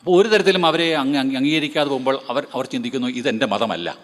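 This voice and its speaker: A man with a Malayali accent delivers a rapid lecture at a brisk pace. He speaks emphatically and keeps putting questions to his listeners. His voice carries the long reverb of a lecture hall. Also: fairly high pitch. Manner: emphatic, rhetorical questions to the audience. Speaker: guest lecturer. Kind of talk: lecture to seminary students.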